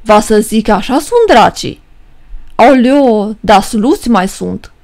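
A woman's voice: on the high side, lively intonation, darkish tone. A cheeky peasant trickster, as a woman puts him on. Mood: mocking. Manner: mocking, bold and quick-witted.

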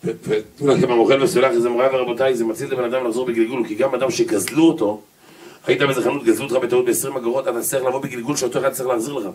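A man's voice: medium pitch, steady tone, darkish tone. A man, a rabbi, giving a humorous Torah lecture and acting out little scenes and voices as he goes. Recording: distant mic with noticeable noise.

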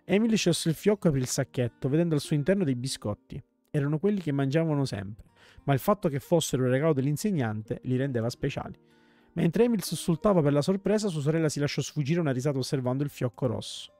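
A man reading a game's story text aloud as a let's play host, calm storytelling with small slips and restarts. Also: fairly high pitch, fast talker, dry recording, faint music behind.

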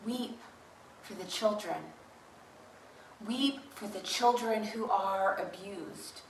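A woman slowly reading a solemn litany of prayer for a church service. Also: medium pitch. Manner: measured, grave litany reading. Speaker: worship leader. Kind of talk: slow solemn liturgical reading. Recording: echoey room, distant mic, faint hiss.

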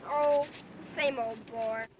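Sarcastic teen sister, very high voice, hissy old soundtrack. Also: female voice, fairly even intonation, slow pace, lo-fi sound. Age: teens. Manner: teasing, sarcastic. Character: cheeky teenage younger sister, teasing. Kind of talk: 1940s film acting. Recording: noisy old film soundtrack.

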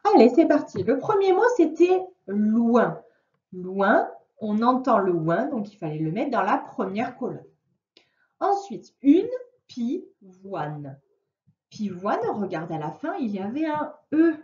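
A woman's voice: on the high side, big pitch swings, slow pace, darkish tone. A woman teacher giving a patient reading lesson to a young child, sounding out words syllable by syllable. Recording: roomy, distant, dull lo-fi sound.

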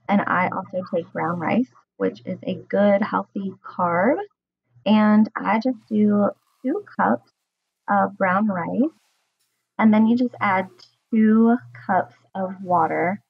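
Prepping a meal indoors in her home kitchen, a cooking vlogger in her thirties chats casually and enthusiastically, saying um a lot. She has a medium pitch with vocal fry and a breathy edge, captured on dull audio.

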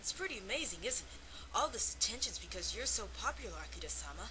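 A woman's voice: medium pitch, very animated, fast, lightly acted. A woman voicing a meek, eager young male assistant in an overacted anime fan dub, hesitant and deferential. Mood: nervous, polite. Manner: hesitant, deferential, easily flustered. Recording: noisy amateur home recording.

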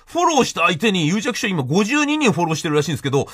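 A man's voice: high-pitched, big pitch swings, very fast, a bit bright, breathy edge, no room sound, clean studio sound. A man hosting a radio show, telling a comic story in a solo monologue, laughing often and acting out the voices he quotes.

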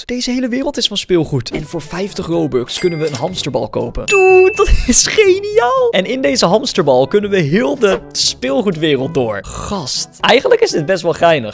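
A man giving energetic Roblox gameplay commentary, swinging between loud exclamations and quieter asides. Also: a little high. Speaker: gaming YouTuber. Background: game music.

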